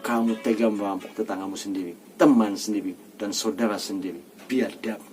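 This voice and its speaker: An eager, indignant villager speaks his mind in a fairly low voice, as a man reading a storybook puts him on. Music plays in the background. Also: fairly even intonation, fairly quick, a little mellow, natural voice.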